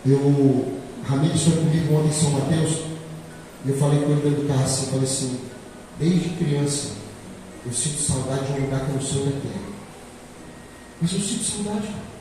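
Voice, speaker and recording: A man in his forties preaching a sermon as pastor, swinging between quiet reflection and loud emphasis. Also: fairly high pitch, fairly quick, long pauses, a little hiss or hum. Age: 40s. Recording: echoey hall from far off.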